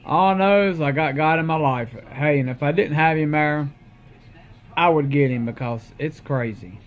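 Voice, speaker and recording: Man, middle-aged, folksy, rambling, casual vlog chat, high-pitched. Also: moderate pace. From West Virginia. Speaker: vlogger.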